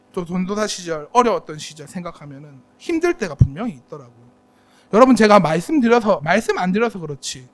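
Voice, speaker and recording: A senior pastor preaching a sermon. He is dramatic, swinging between hushed asides and loud exclamations, and asks the congregation rhetorical questions. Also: extremely high pitch.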